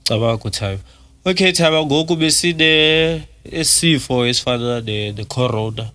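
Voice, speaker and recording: A man's voice: medium pitch, animated, normal speed, pushed and bright, dry recording. A man from South Africa with a Xhosa accent, hosting an interview in a conversational way. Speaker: interviewer, host. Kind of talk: conversational interview questioning, mixing in English.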